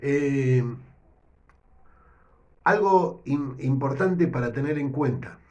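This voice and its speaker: Rioplatense guy teaching a lesson, slow and patient, keeps asking "¿sí?". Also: medium pitch, a little mellow. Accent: Rioplatense Spanish. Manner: patient, explains step by step, checks in with "¿sí?". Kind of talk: recorded language lesson. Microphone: no whiteboard, improvising with notes.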